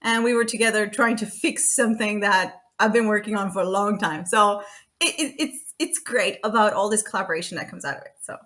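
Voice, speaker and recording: Here the same kind of chatty guest, a Romanian data consultant in her thirties, speaks briskly in a medium-pitched, fairly bright voice. She laughs often on the casual podcast and leans heavily on fillers and restarts.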